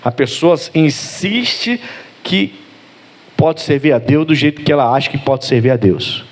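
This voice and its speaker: Animated Brazilian pastor preaching. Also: male voice, fairly high pitch, measured pace. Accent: Brazilian Portuguese. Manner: animated preaching with acted-out dialogue. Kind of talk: sermon.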